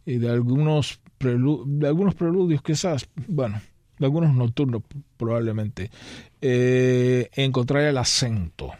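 A man's voice: mid-range voice, measured pace, darkish tone, dry recording. A man speaking as a pianist guest in an interview. He hesitates, restarts often, and hums out rhythms with syllables to explain how music should sound. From Spain. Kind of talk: conversational interview.

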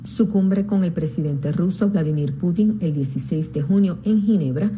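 A female correspondent reads a scripted news report in a low, very dark and mellow voice. Faint noise sits behind her. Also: normal speed, low-quality recording.

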